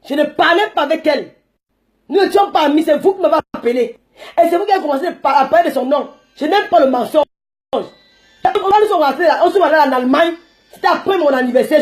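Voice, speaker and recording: A middle-aged woman with a Cameroonian French accent, ranting in a chatty, mocking vlog monologue that now and then breaks into shouting. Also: high voice. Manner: combative and mocking, bursts into shouting; chatty, rambling. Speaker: vlogger.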